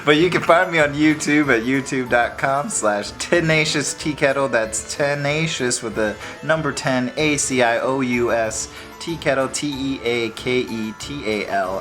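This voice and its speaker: A man's voice: mid-range voice, faint music behind. A man co-hosting a podcast, chatting casually about stage acting with fillers and restarts. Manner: relaxed, halting with fillers and restarts. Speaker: podcast co-host. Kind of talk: casual chat.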